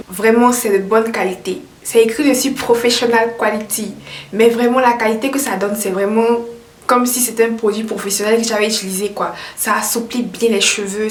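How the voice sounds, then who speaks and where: A woman's voice: fairly high pitch, slight background noise. A woman chatting casually as a hair care vlogger, upbeat and repeating herself, her voice carrying a heavy echo. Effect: heavy echo around the voice. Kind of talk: casual product review. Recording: echoey room, voice far from mic.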